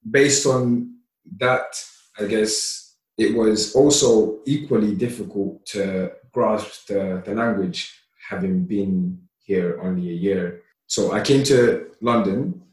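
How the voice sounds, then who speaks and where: A man from Somalia, a podcast guest, telling stories from his childhood in a relaxed, chatty way with lots of laughter and fillers. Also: on the low side, takes it slowly. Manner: relaxed, laughs often, many "you know" fillers. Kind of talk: casual storytelling. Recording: roomy, distant mic.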